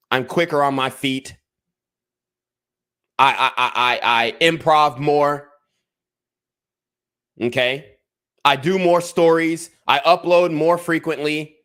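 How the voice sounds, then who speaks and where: A man's voice: mid-range voice, fairly even intonation, takes it slowly, pauses often, a bit bright, smooth. A young man giving a heated commentary rant on a livestream, repeating himself and restarting as he gets worked up. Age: young adult. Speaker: YouTube commentator.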